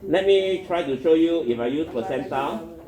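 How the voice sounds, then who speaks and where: A man's voice: fairly high pitch, animated, moderate pace, crowd noise. A man with a Singaporean or Malaysian accent teaching a coding lesson step by step, repeating phrases and checking understanding with short tag questions. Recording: echoey classroom with chattering students. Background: students chatting.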